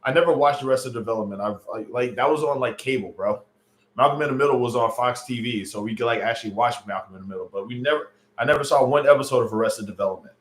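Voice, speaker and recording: A fast talker with a medium-pitched voice, this man in his late thirties hosts a casual livestream, chatting loosely and joking about viewer comments with many fillers. His home stream mic carries a roomy echo.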